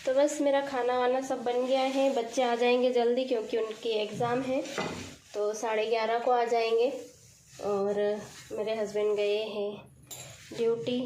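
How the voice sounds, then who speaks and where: A woman from India vlogs while she cleans her kitchen, talking steadily in a rather high, flat voice. She is still getting over a cold, and her throat is sore. The tiled kitchen gives her voice a strong echo, with faint noise behind it. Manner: chatty, talking while working. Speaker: village vlogger. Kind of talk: casual vlog chat while cleaning the kitchen. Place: home kitchen, tiled and echoey.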